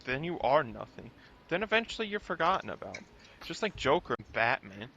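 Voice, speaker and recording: A young man streams a game and rambles through an absurd, meandering rant. His voice sits fairly high and sounds bright, and it swoops around wildly as he rambles. He keeps breaking into squeaky mock voices. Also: very animated, fairly quick, vocal fry, muffled recording, slight background noise.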